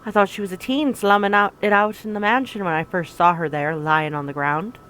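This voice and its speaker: A woman reading first-person narration from a visual novel aloud in an even, reflective way. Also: medium pitch, brisk, low-quality recording. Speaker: let's play narrator.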